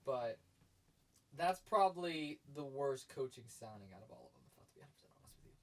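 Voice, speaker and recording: Co-hosting a sports podcast, a man with a mid-range voice talks at a normal speed in a casual, chatty way. As he argues his points he grows energetic and emphatic, getting loud and hyped.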